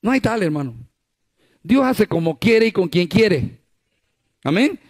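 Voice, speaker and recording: A man's voice: high-pitched, very animated, a little slow, a little mellow. A male pastor preaching a sermon at a church service, conversational, full of rhetorical questions and acted-out quotes.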